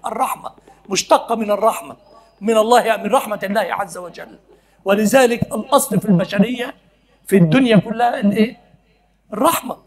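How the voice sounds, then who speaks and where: A man's voice: very high-pitched, breathy edge. A male preacher with an Egyptian accent giving a conversational sermon, often asking his listeners questions and laughing as he talks. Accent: Egyptian Arabic.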